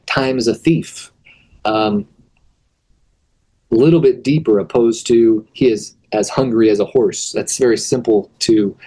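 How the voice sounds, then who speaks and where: A male teacher talks through a recorded video lesson in an easygoing, explanatory way, tossing in rhetorical questions. His voice sits at a middle pitch with a dark, mellow tone. He is starting to lose his voice, so it sounds a little worn. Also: rough recording. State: losing his voice.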